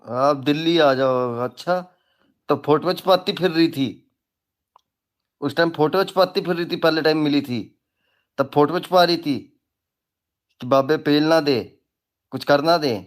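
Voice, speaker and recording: Crude, mocking man ranting in a higher voice. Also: fairly even intonation, unhurried, long pauses. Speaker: self-styled tantric guru. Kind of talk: casual live rant.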